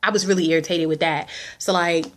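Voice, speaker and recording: A young woman, ranting in a sassy, animated way at home, acting out what others said. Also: lowish voice, brisk. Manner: sassy, animated storytelling with acted-out quotes. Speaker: vlogger. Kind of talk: casual chat rant.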